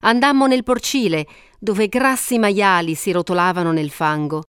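A woman narrating an epic poem aloud in a measured, steady storytelling voice. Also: mid-range voice, clean tone, no room sound, clean studio sound.

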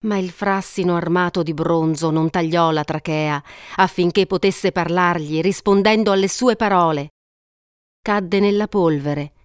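A woman narrates an ancient epic in a steady, measured way. Her voice is smooth and resonant. The recording is dry and close. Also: fairly low pitch, dry recording.

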